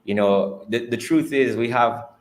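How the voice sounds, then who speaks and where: Unhurried and mid-range in pitch, a Jamaican-accented executive talks through an earnings call, covering both the presentation and the answers. His style is conversational, and he tends to go back over his words and phrase them again.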